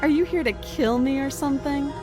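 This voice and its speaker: An actress voicing a captive princess in a video game. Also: female voice, high voice, fairly quick, close to an everyday voice. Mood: cool, blunt. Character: captive princess, by turns bluntly menacing and sweetly hopeful. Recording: game audio with music behind.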